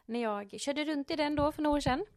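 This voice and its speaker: A woman co-hosts a relaxed chat podcast with a fairly high voice. She tells stories with lively energy, slipping into squeaky high impressions and laughing often. The sound is dry and close. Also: no room sound. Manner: animated storytelling, acts out quotes in a high squeal, laughs often. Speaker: podcast co-host. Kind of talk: casual chat.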